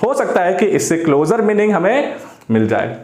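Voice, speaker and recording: High-voiced man teaching vocabulary in an echoey room. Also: sing-song, darkish tone. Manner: explains slowly with repetition, mixing Hindi and English. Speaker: English teacher. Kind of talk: exam-prep vocabulary lesson.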